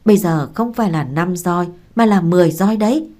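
A woman reading the part of a strict, quick-tempered elderly matriarch who gives commands and scolds. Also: lowish voice, dark tone, lightly acted. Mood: stern.

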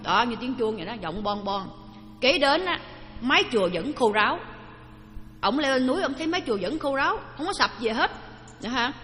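A woman giving a storytelling dharma talk, lively and asking the audience questions. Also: high-pitched, a little fast. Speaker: Buddhist dharma teacher. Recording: long hall reverb.

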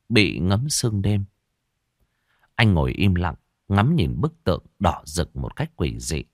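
A man's voice: lowish voice, dry recording, clean studio sound. A man narrating a horror story in a dramatic, suspenseful scripted telling.

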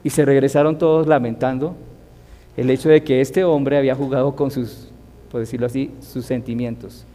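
A man's voice: mid-range voice, fairly even intonation, normal speed, dark tone, in a large hall. A man teaching a Bible study as a sermon, asking his listeners rhetorical questions. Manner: asks the audience rhetorical questions.

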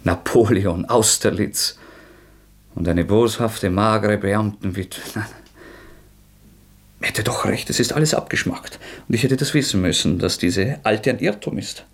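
In a radio drama, a male actor portrays a tormented young murderer, shifting from bitter mockery to feverish outbursts and hushed whispers. His gravelly, husky voice sits fairly low and moves a little slowly.

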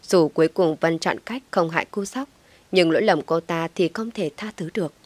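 A woman voicing a calm, stern grown man who speaks in a measured way, in a storybook reading. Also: on the low side, no echo, close to an everyday voice.

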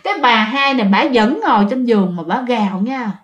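A woman's voice: on the high side, lively intonation, a little fast, dull audio. A woman with a Southern Vietnamese accent telling a ghost story in a chatty way, often speaking straight to her listeners. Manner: chatty, addresses listeners directly. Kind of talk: spoken ghost-story narration.

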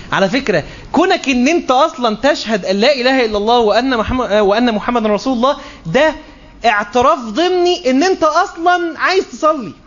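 A male preacher with an Egyptian Arabic accent talks in a high voice at a rapid clip, slipping into short acted-out exchanges as he makes his point. The recording is slightly dull, with a faint hiss behind it. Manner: animated, acts out quick dialogues. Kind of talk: colloquial religious talk.

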